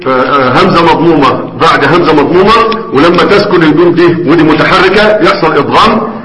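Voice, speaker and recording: A man's voice: on the high side, fast, a bit bright. A man with an Egyptian Arabic accent teaching grammar in a conversational classroom lecture, often checking in with his students. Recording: echoey hall, faint background noise.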